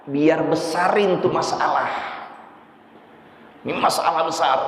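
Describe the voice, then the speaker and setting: A man teaching in a mosque sermon, reciting Arabic phrases and explaining them in lively everyday speech. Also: a little high. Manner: animated, mixes Arabic recitation with colloquial explanation. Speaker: religious teacher. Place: mosque hall. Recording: echoey mosque hall reverb.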